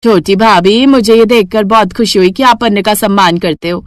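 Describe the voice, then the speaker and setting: A woman voicing a timid, poor housemaid in a cartoon, speaking softly and humbly. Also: mid-range voice, normal speed, no room sound, lightly acted. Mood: humble. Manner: soft, hesitant and humble.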